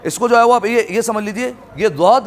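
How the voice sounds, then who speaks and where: A man teaching tajweed pronunciation to a class, slowly stretching out Arabic sounds for students to repeat and then explaining quickly. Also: very high voice. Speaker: Quran recitation teacher.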